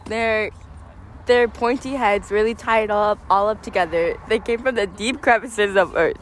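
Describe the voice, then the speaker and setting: A woman's voice: medium pitch, normal speed. A teenage girl chatting casually in a mock-earnest, ironic way. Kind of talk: casual joking chat. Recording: noisy outdoor, vehicle ambience.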